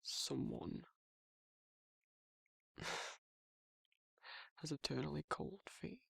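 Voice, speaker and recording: Teasing and affectionate, a man plays a down-to-earth, protective werewolf boyfriend in an ASMR roleplay, fully in character. His slightly high, very husky voice is breathy, gravelly and heavily creaky, often whispering in a soft, colloquial, intimate murmur punctuated by soft chuckles. He speaks very slowly with lively intonation, in a dry, studio-quality recording.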